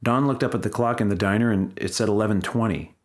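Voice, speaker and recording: A man's voice: on the low side, fast talker. A man reading his own comic first-person stories in a wry, blunt and profane manner. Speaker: memoir reader.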